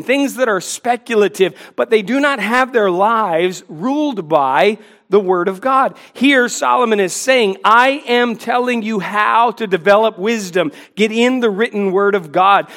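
A man in his forties preaches to his church in a notably high voice. He presses his points with earnest emphasis and lightens them with self-deprecating asides. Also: measured pace, hardly any pauses, fairly bright tone. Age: 40s. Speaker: pastor. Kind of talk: sermon.

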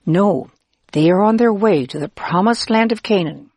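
A woman narrating a children's pretend Bible story, gentle and expressive, speaking as both herself and the listener. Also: medium pitch, normal speed, slightly rough, no echo, clean studio sound.

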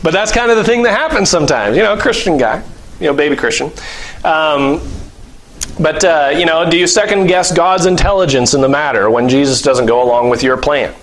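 Man preacher, high-pitched, chatty delivery with frequent fillers. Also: brisk, low-quality recording. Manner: acts out scenes with lively voices and laughs; conversational, uses many fillers. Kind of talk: sermon.

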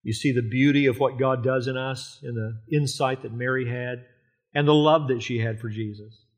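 A man delivers an expository sermon in a voice of ordinary middle pitch, a little husky. He reads scripture aloud and lifts his voice for emphasis as he explains it. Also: fairly even intonation, moderate pace. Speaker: preacher.

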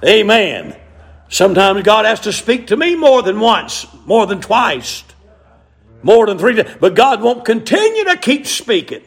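A middle-aged man preaching a sermon, telling folksy stories and rising to shouted emphasis. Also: high-pitched, very animated, a little slow, creaky.

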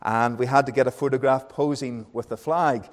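A Northern Irish man in his thirties preaches a sermon at a mid pitch. He talks in an unhurried, friendly way and often pauses on small fillers. His voice rings out with the long reverb of a large church hall. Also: steady tone. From Northern Ireland. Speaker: pastor.

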